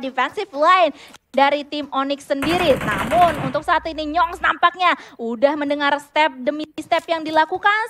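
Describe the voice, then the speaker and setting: A woman's voice: very high-pitched, noisy background. A woman with an Indonesian accent giving flowing, wordy live commentary on an esports match. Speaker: esports caster.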